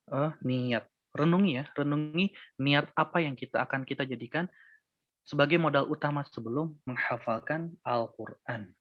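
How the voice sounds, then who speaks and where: A man's voice: a little high, no echo, muffled recording. Earnest man teaching on a dry webinar mic. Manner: casual, earnest, acts out imagined older learners. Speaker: Quran memorization teacher. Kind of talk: webinar talk.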